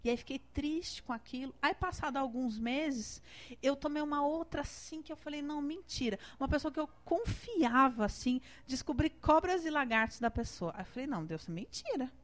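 High-voiced woman preaching with a Brazilian accent. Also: normal speed. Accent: Brazilian Portuguese. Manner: conversational and emotional, acts out her prayers. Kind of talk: sermon with personal testimony.

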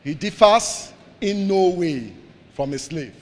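A pastor preaching a sermon, calling out questions for the congregation to answer and repeating key lines, swinging between loud declarations and soft asides. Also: male voice, high voice, lively intonation, slow, long reverb tail.

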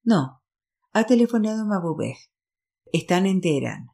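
A woman's voice: medium pitch, very animated, unhurried, vocal fry, dark tone, breathy edge, exaggerated voice. A woman reading a novel aloud, voicing an insistent, bossy sister who turns firm and soothing by turns. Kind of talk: audiobook reading.

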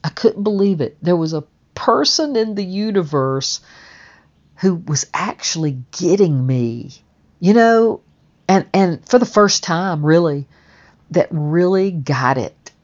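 A woman's voice: lowish voice, animated, unhurried. A woman telling a personal story in a chatty, rambling way, full of fillers and restarts. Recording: dull, muffled audio.

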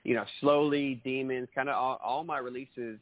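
A man from Maine chats as a singer-songwriter guest, relaxed and friendly. His mid-pitched voice is dry and thin, as if heard over a phone line. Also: moderate pace, dry recording. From Maine, USA. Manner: friendly, laughing easily, relaxed. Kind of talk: casual interview answers.

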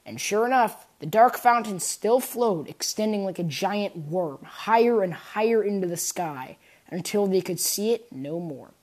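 A woman narrating a fan fiction adventure aloud in an expressive storytelling manner. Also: mid-range voice, unhurried. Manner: expressive storytelling, voicing characters.

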